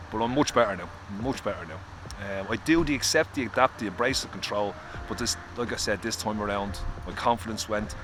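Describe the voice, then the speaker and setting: An Irish man talking earnestly and confessionally to camera outdoors in the cold, swearing casually, with faint traffic behind. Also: lowish voice. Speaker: vlogger. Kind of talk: candid personal vlog.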